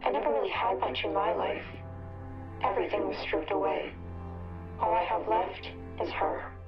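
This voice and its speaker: An actor whispering as a haunted, broken game character in a whispered role-play, soft and menacing, heard as dull, distant game audio. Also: mid-range voice, expressive, measured pace, faint music behind. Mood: eerie whisper. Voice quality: breathy whisper.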